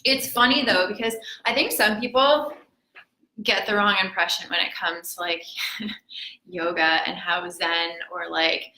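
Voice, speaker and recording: A woman's voice: mid-range voice, fairly even intonation, unhurried, pushed and bright. A young woman, a yoga teacher, telling a candid, profane story in a casual vlog. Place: yoga studio. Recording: echoey room.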